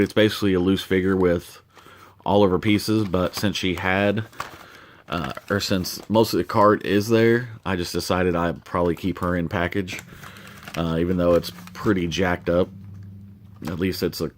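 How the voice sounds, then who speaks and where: Guy with a lowish voice showing his toy haul at home, lots of ums, laid back. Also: slight background noise. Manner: relaxed, rambling with many fillers. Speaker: toy collector vlogger. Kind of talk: casual show-and-tell vlog. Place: home collection room.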